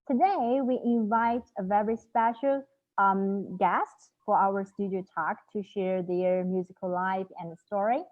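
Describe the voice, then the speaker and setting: A young woman hosts a student interview, speaking politely and carefully with frequent fillers. Her pitch sits in the middle range. The sound is thin and phone-like, as over a call. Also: fairly even intonation, measured pace. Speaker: student host. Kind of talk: hosting an interview.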